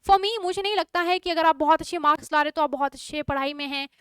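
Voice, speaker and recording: A woman's voice: sits high, quick pace, fairly bright tone, dry recording, clean studio sound. A young woman with an Indian English accent teaching an online exam-prep lesson, chatty and quizzing her students. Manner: chatty, mixes Hindi and English, asks students questions.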